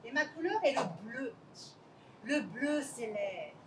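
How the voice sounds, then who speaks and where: A woman's voice: sits high, expressive, slow pace, a loud crowd. An actress playing a devout, anxious woman who compulsively checks everything, with a prim, pious, sighing delivery in an amateur stage play. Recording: stage voice from a distant mic.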